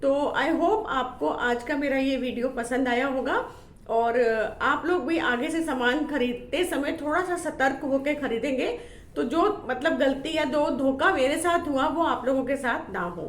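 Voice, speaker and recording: A woman's voice: high-pitched, measured pace, reverberant. A woman vlogging casually to camera, chatty and full of fillers, complaining about the poor quality of the items she shows. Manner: showing items while talking. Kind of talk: casual vlog talk to camera.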